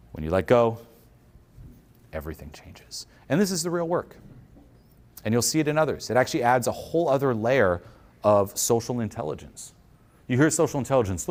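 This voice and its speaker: This conference speaker, a man with a mid-range voice, is animated as he coaches the audience through a motivational talk, often performing the inner monologues of the people he's describing.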